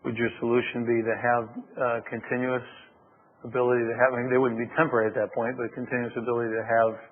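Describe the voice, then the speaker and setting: Monotone guy on a town board asking questions, uh-ing, thin phone-like audio. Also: mid-range voice. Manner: questioning, measured with fillers. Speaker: township board member. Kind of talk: public meeting discussion. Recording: tinny lo-fi meeting audio.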